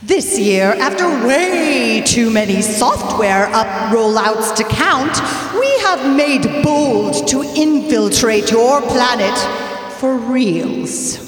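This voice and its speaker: A woman's voice: fairly high pitch, expressive, takes it slowly. Echoey robot phone voice, woman doing a bossy alien machine overlord, big long reverb, bit of music behind. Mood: menacing. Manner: sassy, grandiose, taunting. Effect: echoing robot-like phone voice. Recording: heavy echo, long reverb, faint music.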